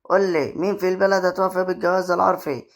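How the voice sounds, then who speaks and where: A man with an Egyptian accent acting in a comic drama, talking briskly and doubtfully. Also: high voice, steady tone. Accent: Egyptian Arabic. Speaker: lead character and creator of the web series.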